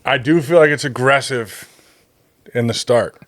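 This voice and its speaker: A man's voice: mid-range voice, unhurried, a bit bright. A man co-hosting a podcast, teasing and laughing through casual banter. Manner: playful, teasing, laughs a lot. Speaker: podcast co-host.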